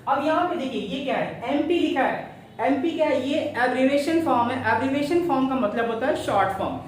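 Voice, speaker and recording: A woman's voice: sits high, a little fast. A woman teaching an English grammar lesson at a whiteboard, posing rhetorical questions and checking "right?" with her students. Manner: addresses students as "guys" and "child". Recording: very echoey room, mic far off, faint noise.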